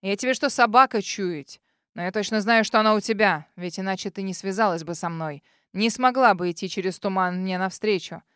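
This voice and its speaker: A woman doing a haughty male dragon, low rough scratchy voice, icy and menacing, audiobook fantasy, dry close sound. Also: animated, darkish tone, no echo, close to an everyday voice. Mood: furious. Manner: cold, menacing, quick to snarl. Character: arrogant cruel male red dragon in human form.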